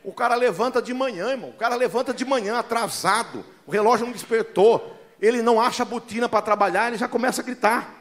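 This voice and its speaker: A man's voice: very high voice, quick pace. A man preaching a sermon as a pastor, telling folksy stories and often calling listeners "brother". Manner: lively, acts out the voices in his stories.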